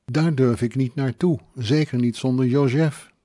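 A man voicing a sharp-tongued, bossy middle-aged widow who talks curtly, raising his voice for her. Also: medium pitch, unhurried, no echo, lightly acted. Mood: curious. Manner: snappish, curt.

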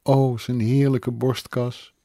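Slurring and drawing out her words as she hunts for them, a tipsy, wistful, grieving woman of thirty-one is performed by a man. His medium-pitched voice is mellow and flat, captured dry and close with no room sound.

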